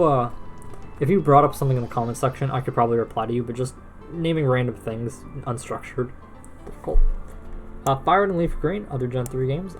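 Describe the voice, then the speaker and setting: A tired man talking casually and rambling about games, often restarting his sentences. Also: mid-range voice. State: tired, yawning. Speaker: gaming video creator. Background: soft background music.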